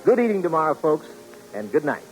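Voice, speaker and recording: A man reads out the announcements of an old radio show in a formal 1940s broadcast manner. His voice sits high and moves around a lot. Faint music plays softly under the vintage broadcast sound. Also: big pitch swings, a little fast, low-quality recording.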